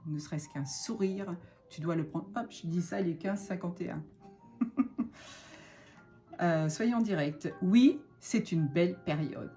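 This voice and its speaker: A woman's voice: fairly low pitch, dark tone. A woman giving a spiritual card reading, chatty and encouraging, with many fillers and restarts. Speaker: card reader.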